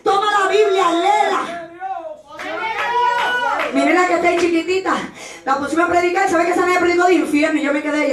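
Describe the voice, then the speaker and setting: A woman evangelist giving an impassioned Pentecostal sermon, rising to shouts at times and acting out the voices of others. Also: sits high. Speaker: evangelist preacher. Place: church. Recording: echoey church hall, mic at a distance.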